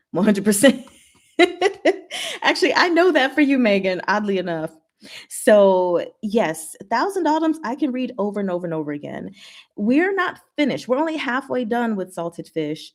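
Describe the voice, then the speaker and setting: Reading and answering comments on her chat and Q&A stream, a woman speaks in a mid-range voice at a moderate pace. She's giggly, tossing off animated asides and emphatic one-word verdicts.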